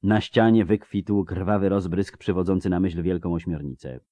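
A man narrating an audiobook in a steady, dramatic reading style. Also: sits low, normal speed, no room sound. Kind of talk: scripted narration.

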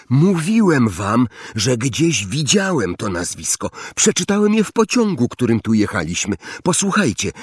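A man voicing an earnest young schoolboy who speaks keenly and drops to a hush when excited. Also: mid-range voice, no room sound, studio quality, voice pushed up.

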